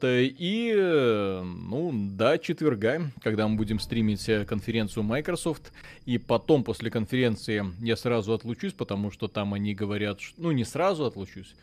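A man co-hosting a live gaming stream, chatty and excitable, rambling with fillers as he talks. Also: fairly low pitch, moderate pace. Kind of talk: casual live stream chat.

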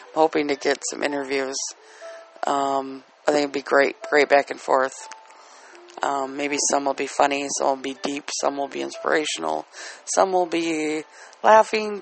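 A man with a dry throat and a slightly high voice with vocal fry rambles casually as a solo podcast host, candid and often putting himself down. The audio is poor, with a little hiss or hum, over soft relaxing music.

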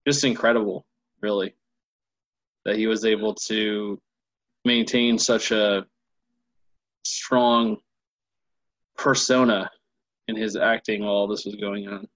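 A man's voice: lowish voice, little pitch movement, slow pace, pauses often, fairly bright tone, no room sound. A man co-hosting a movie podcast in casual chat, with a dry, wry humor. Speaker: podcast co-host. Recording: dull, dry lo-fi mic.

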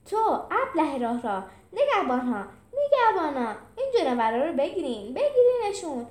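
A woman plays a pompous male Roman general who barks orders in a shrill, soaring voice. His pitch leaps about as he yells, heard in an echoey room. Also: big pitch swings. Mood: furious. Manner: shouting orders.

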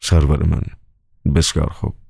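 Man doing a quiet, deferential secret-police chief. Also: a bass voice, little pitch movement, gravelly, breathy edge, no echo, studio quality, full character voice. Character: male head of secret police, deferential and discreet.

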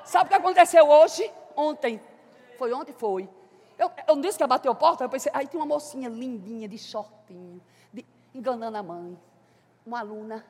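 High-voiced woman preaching. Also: a little fast, husky. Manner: swings from loud exclamations to hushed storytelling. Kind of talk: sermon with personal testimony. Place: church. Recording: church hall reverb.

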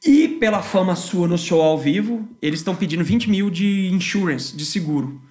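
Male musician guest, high-pitched, lively and slangy as he tells stories. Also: normal speed, background noise. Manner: animated, slangy, swears freely. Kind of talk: casual podcast storytelling.

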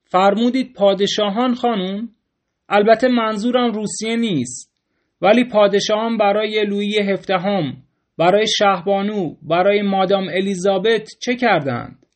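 A polite yet despairing nobleman who lectures with rising heat, voiced by a man reading aloud. His voice lifts fairly high, and the lines come in an audiobook reading of a storybook. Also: close to an everyday voice. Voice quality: heated, lecturing.

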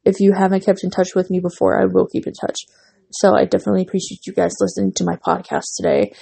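Talking fast in a level, medium-pitched voice, a young woman rambles through her casual solo podcast, restarting often and leaning on fillers. She's losing her voice and has a runny nose, so she sounds stuffy, husky, dark and gravelly.

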